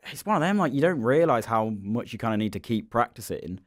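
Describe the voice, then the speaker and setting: A man, co-hosting a casual chat podcast and telling animated stories. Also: mid-range voice, fast, no room sound, clean studio sound. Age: early 20s. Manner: animated storyteller, acts out voices in anecdotes. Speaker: podcast co-host.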